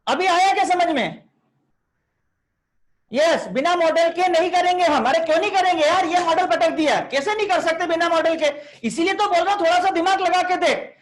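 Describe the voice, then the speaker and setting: A man's voice: very high-pitched, moderate pace. A man teaching a chemistry class online, chatty and coaxing, scolding students by name and mixing English terms into his talk.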